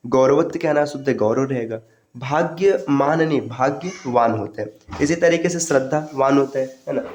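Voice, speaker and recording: A man with a medium-pitched, slightly mellow voice teaches an online exam-prep class. He steadily drills right and wrong word forms and calls his students friends.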